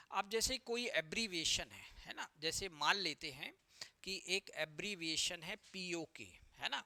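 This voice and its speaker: A man giving an explanatory lecture as an interview coach, often tagging his sentences with a questioning "right?" and spelling out abbreviations slowly. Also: on the high side, bright, forceful tone, no room sound. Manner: repeats "है ना" as a tag.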